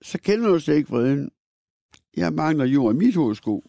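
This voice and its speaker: A man reading a first-person literary text aloud in a slow, measured, wry manner. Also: fairly high pitch, very animated, gravelly, dark tone, no room sound, studio quality.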